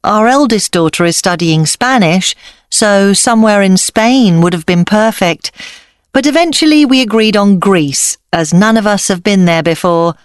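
An actress playing an easygoing mother chatting in a scripted dialogue, friendly and clearly enunciated. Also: mid-range voice, normal speed, dry recording, clean studio sound, close to an everyday voice. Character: easygoing mother chatting about family holiday.

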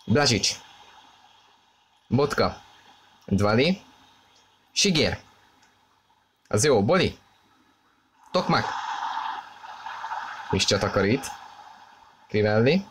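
Man's excited football commentary, noisy background. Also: medium pitch, long pauses. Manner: excited sports commentary, mostly terse player names, rising on chances. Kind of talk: play-by-play football commentary over a video game match. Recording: clearly noisy, game stadium ambience behind. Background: video game stadium ambience.

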